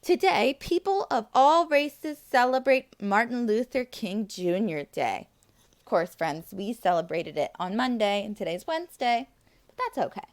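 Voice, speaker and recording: A woman with a fairly high, very animated voice reads a picture book aloud to preschoolers at an unhurried pace, her intonation swinging widely throughout. Like an enthusiastic teacher, she keeps breaking off from the text to speak directly to her young friends.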